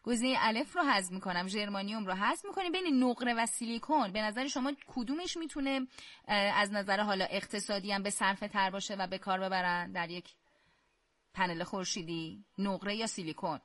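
A woman hosting a quiz show, reading questions slowly and clearly and praising the players. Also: medium pitch, fairly bright tone, no echo. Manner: slow, carefully spelled-out questions; encouraging praise.

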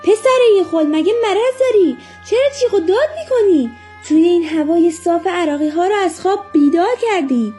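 A woman's voice: high-pitched, sing-song, mellow, soft background music, pitched above the performer's own voice. A woman voicing a bossy male ambulance driver in a storybook reading who barks orders and scolds. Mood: angry.

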